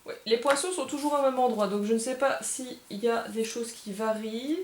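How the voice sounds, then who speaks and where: A woman's voice: on the high side, moderate pace. A woman casually unboxing and presenting a board game, thinking aloud and gushing with delight over small details. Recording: echoey room.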